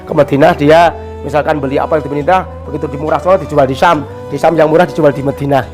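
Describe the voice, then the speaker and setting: A high-pitched man talks through a religious tale in a relaxed, conversational way. He slips into animated voices for the people in the story. Soft music plays faintly underneath. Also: fast. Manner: animated, acts out quoted characters with raised pitch. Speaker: religious teacher explaining a kitab. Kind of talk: casual storytelling explanation.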